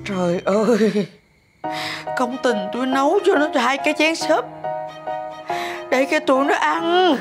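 A woman's voice: very high voice, normal speed, music in the background. An actress playing a distraught older rural mother who wails and calls on heaven. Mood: indignant. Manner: wailing and exclaiming, calls on heaven. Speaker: mother of an adult son. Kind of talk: TV family drama acting.

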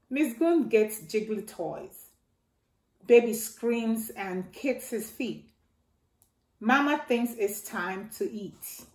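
Her voice jumps way up for exclamations and for a toy's voice as this middle-aged woman reads a children's picture book aloud, slowly and expressively. It's a storytime reading, recorded in an echoey living room by a staircase.

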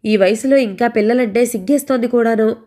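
A woman's voice: on the high side, fairly quick, dark tone, voice pushed up, natural voice. A woman reading a stern scolding old husband. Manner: harsh, scolding. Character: stern older male schoolmaster husband.

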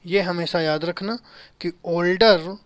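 A man in his thirties teaching a grammar lesson at a whiteboard in a small room. He explains slowly, repeats key terms and answers his own rhetorical questions. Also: high voice, fairly even intonation.

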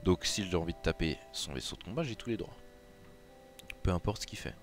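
A man with a very low voice talks through a game tutorial in a casual, rambling way, full of hesitations and restarts. Faint music plays underneath his voice. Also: expressive, brisk. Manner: chatty and hesitant, many fillers and restarts. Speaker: gaming YouTuber. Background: background music.

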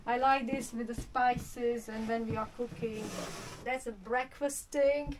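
Animated woman touring her boat. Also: a little high, unhurried, background noise. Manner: animated, laughs often, simple phrasing. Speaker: boat owner giving a tour. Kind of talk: casual tour chat. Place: inside a wooden boat cabin.

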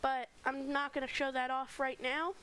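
A woman with a high voice gives casual, rambling commentary while playing a game and touring a base. She talks on a home mic, and a faint hiss sits under her voice. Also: little pitch movement, normal speed, fairly bright tone, low-quality recording. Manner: chatty, rambling tour-guide narration with fillers. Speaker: gaming channel host. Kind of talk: casual Minecraft let's play commentary.

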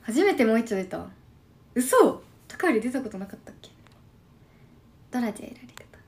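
A young woman in her twenties with a Shimane accent and a husky, slightly hoarse voice, chatting casually on a live stream. She reads viewer comments aloud and murmurs quick thank-yous between remarks. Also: a little high, sing-song, darkish tone. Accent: Shimane dialect. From Shimane, Japan. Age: 20s. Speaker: idol livestreamer.

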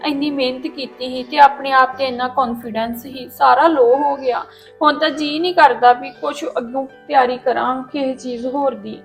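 A woman's voice: high-pitched, steady tone, moderate pace, vocal fry, faint music behind, rough recording. A woman acting a tearful younger sister in a Punjabi family drama, speaking with a Punjabi accent. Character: young woman upset after failing a test.

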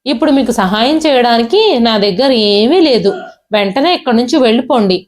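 A woman's voice: fairly high pitch, animated, brisk, lightly acted. A woman storyteller voicing a cruel, arrogant grown son who talks down to his father harshly. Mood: shouting. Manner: harsh, dismissive, yelling.

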